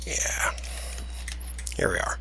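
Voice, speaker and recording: A man with a deep Southern US accent and slightly slurred S sounds, giving a casual, halting, rambling software tutorial. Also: noisy background. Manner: halting, rambling delivery with trailing sentences. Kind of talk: casual unscripted screen tutorial.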